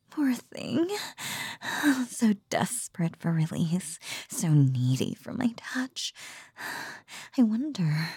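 A woman voicing an ancient, possessive nine-tailed fox goddess in a whispered ASMR roleplay, speaking in a slow, teasing, breathy murmur. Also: on the low side, sing-song, warm tone, no echo, studio quality, heavily acted. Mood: seductive, teasing.

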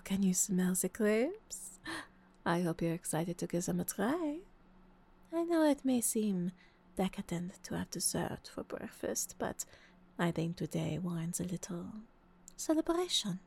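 A tender middle-aged woman, as a woman acts her out speaks to the listener in an unhurried, soft hush. Her voice is husky and breathy, with a pampering, teasing warmth. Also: medium pitch, heavily acted. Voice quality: soft, breathy, half-whispered. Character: doting middle-aged French woman, affectionate roommate and mother. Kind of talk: audio roleplay to the listener.

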